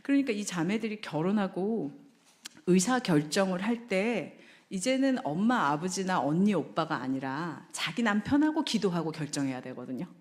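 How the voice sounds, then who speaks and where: A woman's voice: on the low side, big pitch swings, moderate pace. A woman lecturing at a church marriage seminar, talking in a conversational way and asking the audience rhetorical questions.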